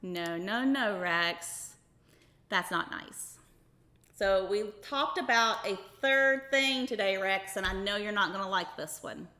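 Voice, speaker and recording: A woman's voice: medium pitch, slow pace, pushed and bright. A woman hosting a children's show, teaching in a sing-song, encouraging way as she talks to kids and a puppet. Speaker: kids' show host.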